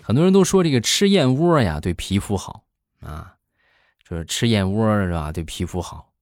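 A man's voice: lowish voice, normal speed, no echo, clean studio sound, faint music behind. A man doing a comic monologue, telling stories with frequent filler sounds. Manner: lively storytelling with frequent filler "ah"s. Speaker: stand-up comedian.

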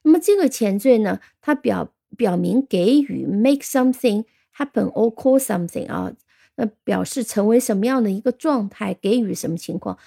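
Gravelly-voiced woman teaching English vocabulary. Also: fairly high pitch, lively intonation, normal speed, mellow. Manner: spells words letter by letter, patient explaining; frequent fillers, switches between Chinese and English. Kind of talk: spoken vocabulary lesson.

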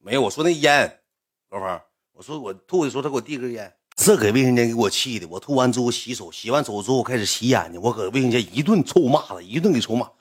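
A man with a Northeastern Chinese accent telling a rambling, rough-spoken story to a live audience. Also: medium pitch, fast talker. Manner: rambling, rough-spoken, swings loud when animated. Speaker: livestream storyteller.

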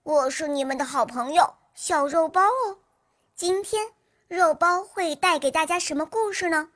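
A woman hosting a children's story show, greeting the little listeners in a bright, chirpy way. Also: very high voice, moderate pace.

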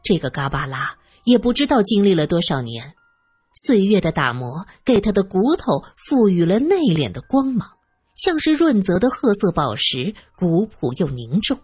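A woman narrating a serialized audiobook in an expressive storytelling manner. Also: fairly low pitch, normal speed, slightly rough, faint music behind.

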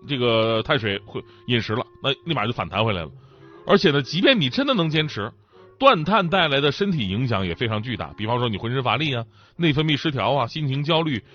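This stand-up talk show host speaks in a mid-range, expressive voice, a little fast and fairly bright. His comic monologue is chatty and full of jokes and laughter, but a mouth ulcer makes his tongue sound thick and swollen. Dull lo-fi audio carries faint music underneath.

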